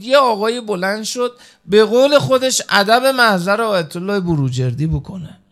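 High, gravelly-voiced male preacher. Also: fairly bright tone. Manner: emphatic, rising and falling preaching delivery, addresses listeners as dear ones. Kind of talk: sermon from the pulpit.

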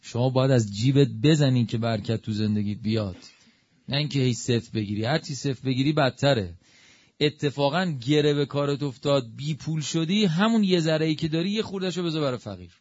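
Animated man preaching a sermon, muffled sound. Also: mid-range voice, no echo. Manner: conversational, animated, rises to emphatic peaks. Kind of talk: religious sermon.

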